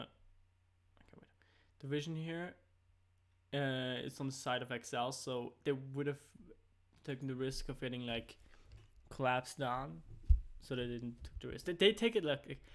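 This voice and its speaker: A man casually commentating a live esports match, rambling and correcting himself, then bursting into excited shouts and casual swearing when fights break out. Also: medium pitch. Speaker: esports co-caster.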